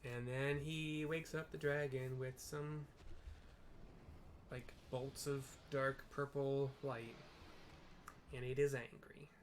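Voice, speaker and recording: With video game music and slight noise in the background, a man describes a game's scenes as he plays. His mid-range voice stays level, and he speaks slowly with frequent pauses. The play-by-play is rambling, casual and a bit sweary.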